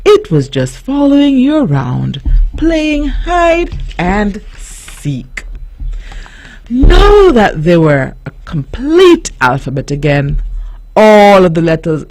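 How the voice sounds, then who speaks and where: A woman radio host reading a children's story aloud and then talking about getting ready for school, in an unhurried, expressive storytelling manner. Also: lowish voice, poor audio. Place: radio studio.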